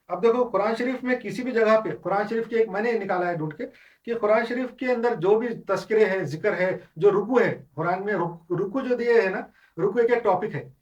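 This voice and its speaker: Speaking off the cuff, a male Islamic teacher explains his lecture points one at a time, slipping English words into his Hindustani with frequent restarts and fillers. His voice sits high and the distant mic gives a lo-fi sound.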